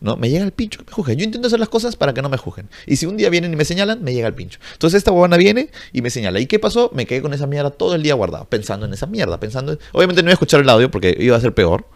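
A man's voice: on the high side, very animated, rapid-fire, gravelly, hardly any pauses. A young man, ranting bluntly and profanely to camera in a casual vlog. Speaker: vlogger.

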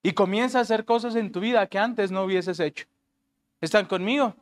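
A man's voice: sits high, fairly quick, no echo. A man preaching a sermon, calling out questions to the congregation. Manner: fervent, calls out questions to the congregation. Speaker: pastor.

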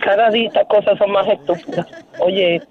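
A woman's voice: medium pitch, steady tone, a little fast. A woman on a telephone call, complaining in an indignant, insistent and exasperated way. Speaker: prank call victim. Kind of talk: exasperated phone conversation. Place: at home on the phone. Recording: dull lo-fi telephone line.

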